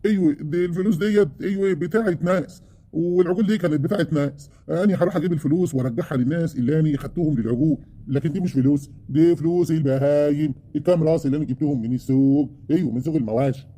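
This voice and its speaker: A man's voice: on the high side, racing, mellow, lightly acted. A man with an Egyptian accent voicing a scheming middle-aged husband who defends himself and trades insults with his wife. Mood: defensive. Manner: defensive, wheedling.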